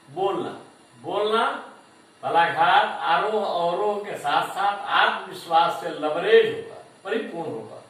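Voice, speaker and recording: A male lecturer talks slowly through a lesson, repeating each example word so the class catches its stress. His pitch sits a little high and swings widely. The voice is picked up from a distance in a strongly echoing room. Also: a bit bright. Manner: slow, deliberate, repeats example words for emphasis. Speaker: teacher education lecturer. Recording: echoey room, voice far from mic.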